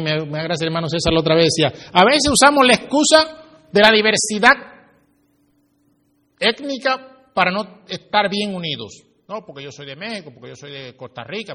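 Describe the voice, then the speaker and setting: A man preaching a sermon as pastor to his church, swinging his pitch and volume for emphasis. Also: lively intonation, brisk, bright, forceful tone. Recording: reverberant hall.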